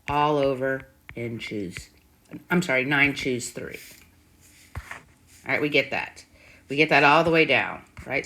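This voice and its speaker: A woman teacher with a deep yet fairly bright voice talks through an informal math tutorial, thinking aloud and often checking in with short questions. It's a screen-recording voice-over with faint background noise and clicks.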